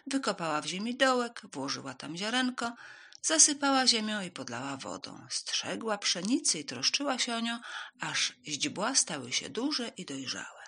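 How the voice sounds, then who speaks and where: A woman reading a fairy tale aloud for children in an animated, expressive storytelling manner. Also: medium pitch, moderate pace, slightly rough.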